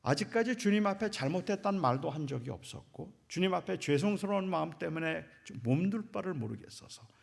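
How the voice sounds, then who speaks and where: A pastor preaching with gravelly, husky texture in a fairly high voice. He delivers his sermon dramatically, rising to forceful emphasis and dropping to near-whispers, and he keeps putting rhetorical questions to the congregation. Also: animated, a little fast, hardly any pauses. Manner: dramatic, swings between loud emphasis and hushed near-whispers. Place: church.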